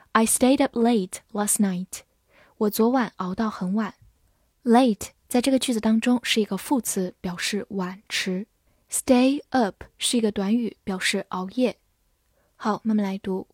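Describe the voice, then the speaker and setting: A woman teaching an English vocabulary lesson, spelling words letter by letter and reading example sentences slowly. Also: medium pitch, darkish tone, dry recording, studio quality.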